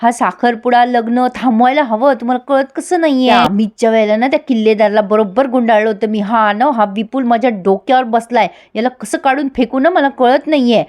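A woman's voice: a little high, brisk, few pauses, darkish tone, close to an everyday voice. Lady doing a whiny scheming wife, keeps nagging her husband. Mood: fretful. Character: scheming young wife, anxious and complaining.

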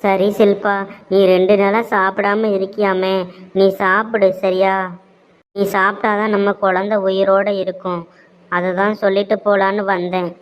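A woman's voice: medium pitch, flat delivery, moderate pace, close to an everyday voice. A woman voicing a remorseful young man in a cartoon, pleading in a theatrical way, with a Tirunelveli Tamil accent. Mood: reassuring. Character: remorseful young man, scheming, wavering son. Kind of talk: cartoon voice acting. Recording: dull lo-fi sound.

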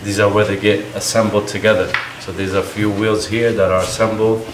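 A wheel factory vlog host in his thirties talks a little fast in a fairly low voice with little pitch movement. He gives a hyped, easygoing walkthrough in street slang on a large indoor factory floor, over background music and a noisy background.

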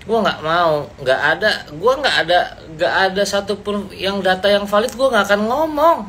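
A man, ranting bluntly and confrontationally on a live stream, loud and slangy. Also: high-pitched, animated, normal speed, slight background noise. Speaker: livestreamer. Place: indoors, seated.

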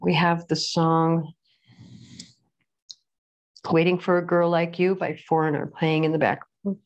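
A woman with a somewhat low voice talks her viewers through a casual tarot reading at home. She rambles in a chatty way and keeps breaking off to apologize. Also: level tone, measured pace, dull audio. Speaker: tarot reader. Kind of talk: casual pick-a-card reading. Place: at home with a pet bird.

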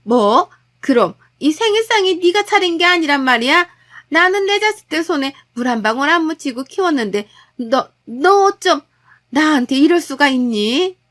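A woman voicing a haughty, scolding middle-aged mother-in-law who nags loudly and with contempt. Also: high-pitched, expressive, normal speed. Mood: indignant. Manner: nagging, contemptuous, loud.

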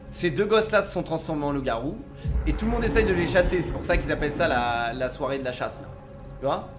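Slangy young male game streamer, higher-pitched voice. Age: young adult. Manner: slangy, swearing, talking to his viewers. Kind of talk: casual let's-play commentary. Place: indoors at a streaming setup. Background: game music.

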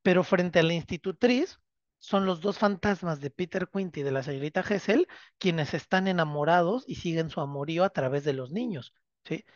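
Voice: mid-range voice, moderate pace, dry recording. A literature teacher gives a class lecture, telling the story dramatically and often checking in with tag questions. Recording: dull, dry lo-fi recording.

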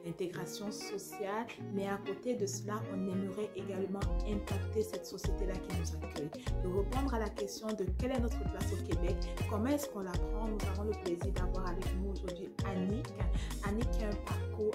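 A woman hosting her show, giving a lively, welcoming scripted intro from indoors at home. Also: mid-range voice, a little fast. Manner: lively, welcoming presenter delivery. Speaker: show host. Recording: loud music underneath.

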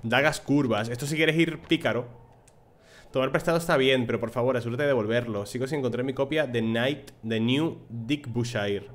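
A man's voice: mid-range voice, moderate pace, slight background noise. A man from streaming a video game, chatting casually with his viewers and reading the game's text aloud. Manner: casual, chatty, talks to chat and reads dialogue. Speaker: gaming streamer.

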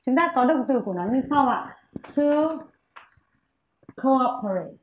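A woman English teacher giving a vocabulary lesson, saying each word slowly for her students to repeat. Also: high voice, animated, echoey room, a little hiss or hum.

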